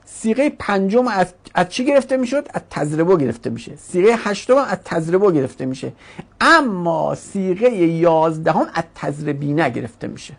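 In the lesson, the teacher gives each grammar form its own voice and acts it out as a talking character, while asking the class questions and answering them herself. She speaks expressively in a low, husky voice.

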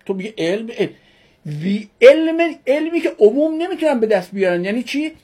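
A woman's voice: on the high side, sing-song, warm tone, breathy edge. A woman teaching a religion class who asks her students questions and answers them herself, repeating key words for emphasis.

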